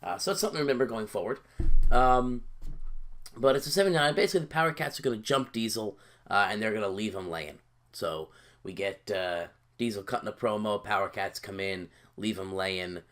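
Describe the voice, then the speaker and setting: A man casually talking through his wrestling booking game, halting with fillers and repeated words, a bit sleepy and yawning. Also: fairly low pitch, fairly bright tone. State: sleepy, yawning early in the day. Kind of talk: casual gameplay commentary.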